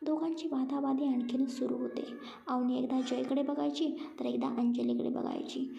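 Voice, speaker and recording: A woman reading a story aloud as narrator in a soft, half-whispered way. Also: high voice, fairly even intonation, normal speed, vocal fry. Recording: roomy, muffled lo-fi recording.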